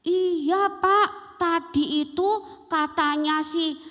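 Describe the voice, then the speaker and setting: Brief: woman playing a keen little schoolgirl, very high and excited. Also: extremely slow, big-room sound, exaggerated voice. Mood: eager. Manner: eager, excited. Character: eager young schoolgirl.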